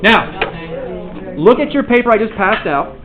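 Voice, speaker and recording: A man's voice: high-pitched, animated, normal speed. Casual, encouraging male teacher. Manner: casual, encouraging, calls on students one by one. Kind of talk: classroom teaching. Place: classroom full of students. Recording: tinny lo-fi recording with class chatter. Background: students chattering.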